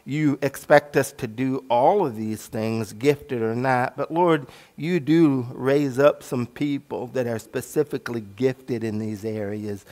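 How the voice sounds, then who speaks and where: A man's voice: mid-range voice, measured pace, few pauses, a little mellow. A middle-aged American pastor preaching from the pulpit of a church sanctuary. He speaks earnestly, repeating phrases and calling on the Lord as he prays. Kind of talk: sermon.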